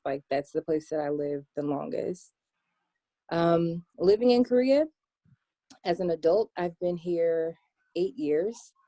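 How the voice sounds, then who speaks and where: A young American woman answering interview questions in a relaxed chat, with plenty of "um" and "like". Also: fairly low pitch, no room sound. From United States. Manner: chatty, many "um" and "like" fillers. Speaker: interview guest. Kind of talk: casual interview.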